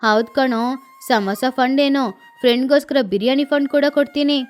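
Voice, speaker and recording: A woman voicing a boastful but good-hearted young boy bird in a cartoon, talking in a slow, swaggering, playful way. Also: sits high, faint music behind, natural voice. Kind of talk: cartoon voice acting.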